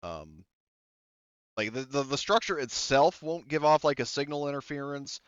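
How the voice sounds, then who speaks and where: A man with a fairly high voice runs a tabletop game as game master, explaining the rules at a moderate pace in a rambling way, full of fillers and restarts. His tone is clean, and the dry recording has a dull, lo-fi quality. It's casual tabletop game narration.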